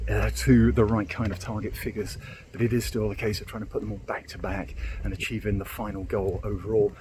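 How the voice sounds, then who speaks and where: British man vlogging over clear background noise. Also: on the low side. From Britain. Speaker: running vlogger. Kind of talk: casual vlog chat. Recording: noisy outdoor recording with ambience, vehicles.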